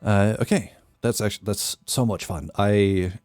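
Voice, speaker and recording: Over loud music, a very deep-voiced young music producer talks at a measured pace during a casual live stream. He sits in a small bedroom studio with headphones and a boom-arm studio mic, wandering through his thoughts aloud with many fillers.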